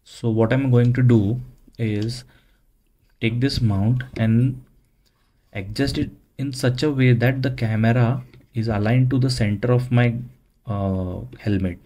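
A man giving a casual, unhurried how-to narration, explaining things plainly step by step. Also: mid-range voice, fairly even intonation, dark tone. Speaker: motovlogger, presenter.

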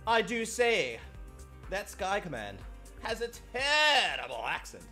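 Man doing a haughty toff, bright and high-pitched, drawing out every word. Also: huge pitch swings, faint music behind, exaggerated voice. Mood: pompous. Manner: haughty, drawn-out pronouncements. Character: pompous posh British gentleman, adult male.

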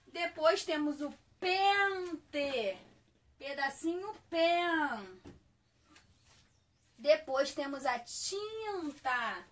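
Slow, high-voiced woman teaching small children. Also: animated, a bit bright, far from the mic. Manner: slow, drawn-out words for young children, checking "tá?". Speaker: primary school teacher. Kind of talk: remote class, reading workbook exercises.

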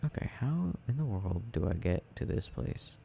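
Fully in character, a man with a low, sing-song voice and vocal fry rambles at a normal speed as a sleepy, tender, sensitive boyfriend who is gaming. In this soft, intimate ASMR roleplay he murmurs hesitant self-talk, drops into whispers now and then, and seems absorbed and mildly puzzled. A little hiss or hum can be heard.

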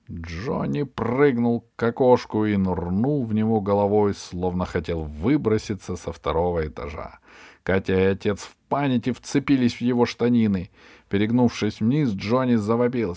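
Low-voiced man narrating with a lively lilt. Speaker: audiobook narrator. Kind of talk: scripted narration.

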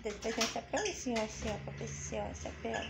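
A woman's voice: a little high, lively intonation, fast talker, gravelly, very noisy. A woman talking to her pet bird, scolding it fondly in a doting pet-talk voice, with bird chirps behind her.

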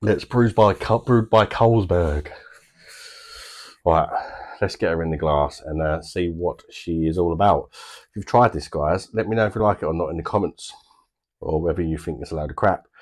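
A deep-voiced British man in his thirties talks through a beer tasting to camera. He is chatty and easygoing, drifting through fillers and loose descriptions. He is recorded close up in a small home bar room. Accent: British English. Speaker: beer reviewer. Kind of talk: casual review to camera.

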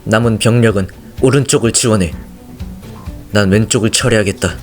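A man acting a cold anime army captain. He speaks low, curt and deadpan, with stoic resolve, over prominent music. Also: brisk, lightly acted. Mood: curt, controlled. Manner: terse, deadpan commands.

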